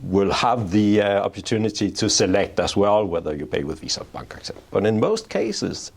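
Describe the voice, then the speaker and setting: A middle-aged Danish payments strategy executive answers interview questions as a guest in his Oslo office, explaining his field and frequently restarting phrases. His voice is lowish, husky, and sing-song with vocal fry, at a normal pace.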